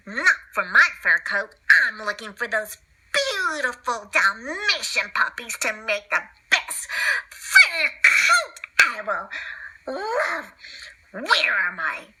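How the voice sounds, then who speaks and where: A woman playing a greedy, disdainful villainess in a children's story, with a drawn-out, haughty and emphatic delivery. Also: on the high side, huge pitch swings, sharp tone, husky, exaggerated voice, low-quality recording. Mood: haughty disgust.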